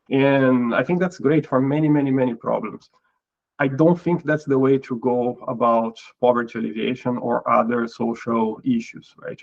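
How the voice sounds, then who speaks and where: A man's voice: mid-range voice, highs cut off. A middle-aged Brazilian man with a Portuguese accent, a guest in an interview who talks thoughtfully and often repeats words as he restarts a phrase. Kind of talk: casual interview talk.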